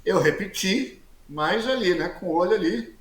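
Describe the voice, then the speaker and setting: Loud, slangy man telling his story. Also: high-pitched, normal speed. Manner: lively storyteller who acts out quoted dialogue, slangy; speaks loudly. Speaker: guest giving a testimony. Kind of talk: casual storytelling interview. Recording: echoey room with faint background hiss.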